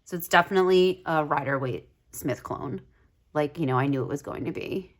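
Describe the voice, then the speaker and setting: A woman casually flipping through a tarot deck on her channel, gushing and chatty, full of "like" fillers, with soft asides that drop to a whisper. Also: sits low, a little fast. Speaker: tarot video creator.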